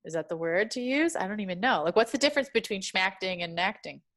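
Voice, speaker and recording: A woman's voice: mid-range voice, expressive, fast talker, fairly bright tone. A woman who hosts the chat and works as an actor, talking casually and searching for her words, with easy laughter. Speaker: host, actor. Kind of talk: casual conversation.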